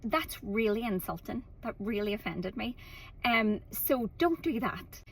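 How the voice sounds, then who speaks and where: A woman's voice: a little high, expressive, a little slow, vocal fry, husky, distant mic, poor audio. A woman from Belfast with a Northern Irish accent, talking to camera in a casual, earnest and firm way, stressing her points. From Northern Ireland. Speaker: vlogger.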